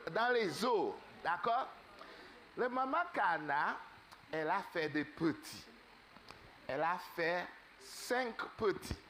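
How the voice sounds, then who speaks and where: A man preaching in a church, telling a fable to the congregation in an animated, halting way and quizzing them. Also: sits high, a little hiss or hum. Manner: animated, asks the congregation questions; halting, many fillers. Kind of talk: sermon storytelling.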